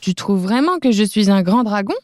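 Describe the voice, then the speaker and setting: A woman's voice: medium pitch, animated, moderate pace, a little hiss or hum, natural voice. A woman voicing a timid little boy dragon in a storybook reading, hesitant and stammering. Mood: friendly.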